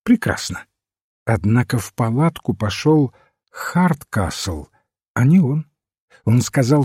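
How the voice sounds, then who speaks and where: A man voicing a mild, thoughtful old priest-detective who calmly reasons a case through, in a storybook reading. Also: mid-range voice, breathy edge, dry recording, clean studio sound. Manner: calm, reasoning, gently explaining. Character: mild, thoughtful elderly male priest-sleuth.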